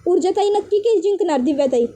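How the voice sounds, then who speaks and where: A woman's voice: extremely high pitch, lively intonation, fast, mellow. A woman voicing a humble young maid who speaks politely and deferentially.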